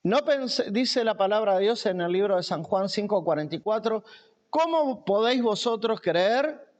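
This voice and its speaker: High-voiced man preaching a sermon. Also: moderate pace, lo-fi sound. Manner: emphatic, repeating key phrases with rising pitch.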